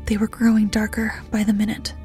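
A woman reading a horror story in scripted narration, steady and measured, often dropping to a hushed near-whisper. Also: mid-range voice, soft background music.

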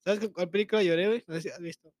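A man's voice: high voice, steady tone, racing, no echo. A young man with a Mexican Spanish accent co-hosting a casual podcast chat, teasing and slangy, laughing often. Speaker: podcast co-host.

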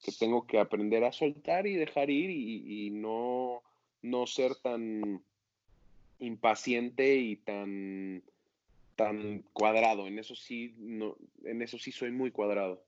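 A man's voice: lowish voice, slow pace, a little mellow, dry recording, dull audio. A man, an actor being interviewed, talking casually and acting out his own self-critical inner voice.

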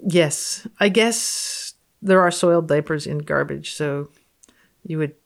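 Reading research aloud as a podcast guest, a woman comments wryly and matter-of-factly with casual, unscripted reactions. She speaks low and slowly, with vocal fry.

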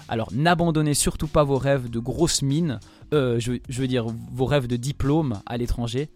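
A man's voice: mid-range voice, a little mellow. Wry male radio columnist. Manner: wry, jokey delivery.

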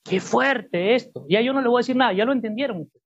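A man's voice: very high-pitched, quick pace, highs cut off. A man preaching a sermon to a congregation, emphatic and full of rhetorical questions. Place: church service before a congregation.

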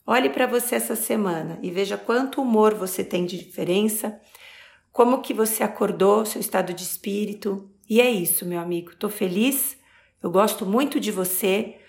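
A Brazilian woman in her forties talks straight to her listeners in a motivational podcast monologue. Her mid-pitched voice carries a gravelly vocal fry. She leans on words and draws them out for emphasis. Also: moderate pace. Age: 40s. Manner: expressive, emphatic, stretches key words. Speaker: podcast host.

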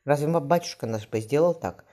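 A man reading the lines of a gentle young woman who comforts and consoles, in a soft voice. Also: medium pitch, animated, fairly quick, pitched above the performer's own voice, natural voice. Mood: reproachful. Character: gentle young woman midwife, tender and steady.

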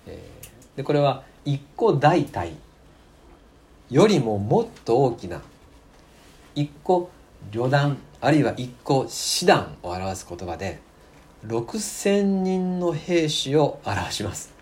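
A male pastor giving a sermon at a church service and reading scripture aloud, stressing key phrases by repeating them and sometimes dropping to a soft near-whisper. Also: medium pitch, sing-song, slow pace.

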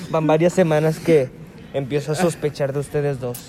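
A young man playing a jealous, violent husband in an improvised telenovela, with a gruff, demanding delivery. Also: on the high side, fairly even intonation, moderate pace, mellow, voice pushed down, close to an everyday voice. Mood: accusing.

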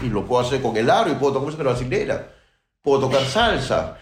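A man from Peru talks as a guest in a casual interview. He is emphatic and outspoken, restarting his sentences often. His voice sits at a middle pitch and carries a roomy echo. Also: very animated, fast talker, over loud music. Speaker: guest percussionist.

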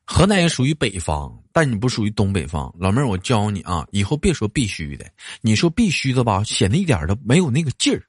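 A man's voice: on the low side, wildly swooping pitch, fast talker, few pauses, breathy edge, no room sound, clean studio sound. A man hosting a livestream chat, teasing and joking in a Northeastern Mandarin accent. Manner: teasing, jokey, stresses words. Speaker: livestream host.

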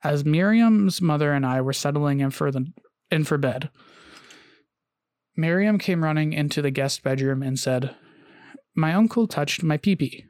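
A man hosting a casual storytelling podcast. He has a gravelly voice pitched a little high. He recounts events haltingly, with many "uh"s and restarts, and the sound is close and dry. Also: a little mellow, no echo. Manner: hesitant, frequent "uh" and restarts, reads long quotes aloud. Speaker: podcast host.

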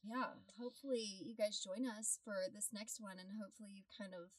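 A woman's voice: medium pitch, brisk. A woman co-hosting a casual podcast, rambling with many fillers and laughing often, recorded inside a small closet. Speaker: podcast co-host. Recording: dry, slightly distant closet sound.

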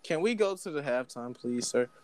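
A man's voice: a little high, expressive, normal speed. A young man hosting a casual group chat, joking around, swearing freely and bossing the questions along. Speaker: segment host asking questions.

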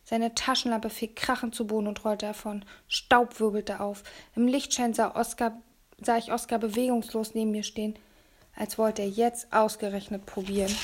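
A woman reads a children's adventure novel aloud, her voice mid-pitched with a gravelly, creaky grain. The storybook narration stays lively and slips into whispers now and then. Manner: animated, dropping to whispers at times. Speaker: audiobook reader.

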